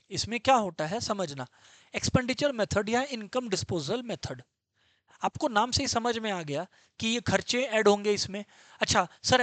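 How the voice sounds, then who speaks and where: A man's voice: high-pitched, a bit bright, no echo. Emphatic male exam-prep teacher. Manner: emphatic, drills terms by repeating them. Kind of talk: online lecture.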